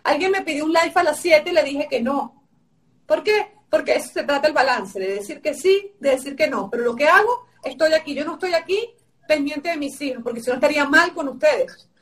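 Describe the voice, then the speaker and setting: Woman, high voice, tired sore-throated sound, emphatic coaching talk, live video call, slightly off-mic. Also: animated, fairly quick, far from the mic. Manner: emphatic, repetitive teaching phrasing. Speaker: guest coach. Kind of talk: live-stream advice talk.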